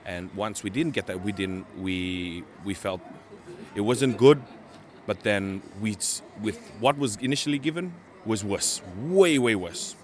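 A man from Fiji, giving earnest interview answers and pausing to search for words. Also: on the low side, lively intonation. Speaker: Pacific island campaigner interviewed at a meeting.

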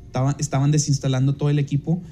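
Warm-voiced Mexican man telling a rambling story. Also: flat delivery, racing, a little hiss or hum. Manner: rambling, with many fillers and self-corrections; slips into livelier, higher voices when quoting people. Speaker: podcast host and DJ. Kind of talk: casual anecdote telling.

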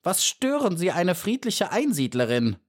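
A man voicing a sly, scheming old female spider in a storybook reading, with a croaky voice and a falsely polite, mocking manner. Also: high-pitched, big pitch swings, normal speed, pitched above the performer's own voice.

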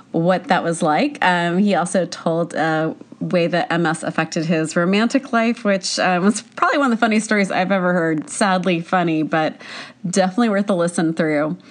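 A woman hosting a podcast, chatting casually through a cold, with a congested, stuffy nose and a tired sound. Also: fairly low pitch. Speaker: podcast host. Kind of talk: casual podcast episode introduction.

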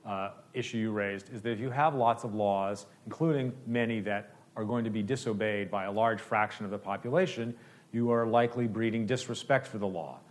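A man's voice: lowish voice, fairly even intonation, fairly quick. A man fielding audience questions at a talk. He explains his points step by step and keeps checking in with the room. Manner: explanatory, uses "okay?" often. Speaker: speaker answering questions. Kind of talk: lecture Q&A.

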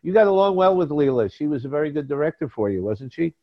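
A man's voice: a little high, very animated, fast talker, a little hiss or hum. A man hosting a casual interview, asking rambling questions full of fillers. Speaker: interview host. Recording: dull dry lo-fi.

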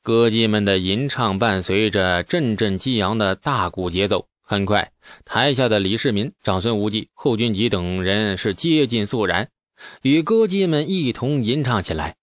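A man narrating a historical novel as an audiobook in a steady storytelling manner. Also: on the low side, moderate pace, dry recording, studio quality. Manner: steady storytelling with asides to listeners.

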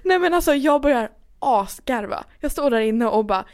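A young woman from Sweden, co-hosting a podcast and telling an embarrassing story in casual, animated chat. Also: high voice. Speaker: podcast co-host.

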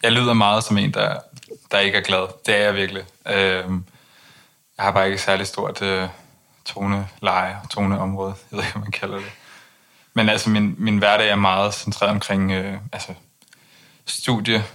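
Flat, gravelly low-voiced young man. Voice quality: monotone, low-key delivery. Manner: hesitant, many restarts. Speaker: interview guest. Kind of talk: candid personal conversation.

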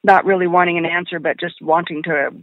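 A woman giving personal testimony about an attack she survived, in a quiet, halting way. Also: on the low side, fairly even intonation, no room sound. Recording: muffled lo-fi with faint music.

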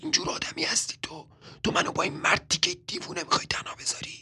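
A man voicing a sharp-tongued young woman who mocks and bickers, often in a hissed whisper. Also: a little high, natural voice. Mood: hissing.

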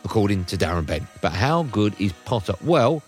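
A man's voice: lowish voice, moderate pace, faint music behind. A man presenting scripted links between clips in a playful manner. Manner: playful, lively intros. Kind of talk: scripted link narration.

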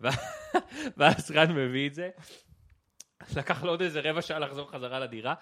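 A young man with a bright, tense voice tells a rambling story, laughing as he goes. His delivery is animated, and he raises his voice for the lines he quotes. The pitch sits a little high. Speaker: podcast co-host. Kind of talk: casual storytelling chat.

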